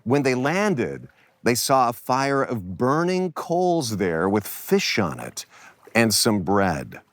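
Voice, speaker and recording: Slow, lively-voiced man teaching scripture. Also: medium pitch, no echo. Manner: storytelling, reflective, animated retelling. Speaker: Bible teacher. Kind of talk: devotional teaching on location.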